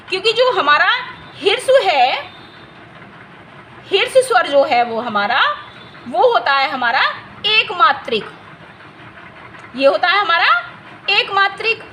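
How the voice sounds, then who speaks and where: High, bright-voiced woman teaching Hindi grammar. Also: a little hiss or hum. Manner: explanatory, repeats key terms, checks understanding often; stretches vowels to demonstrate length. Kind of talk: exam-prep grammar lesson.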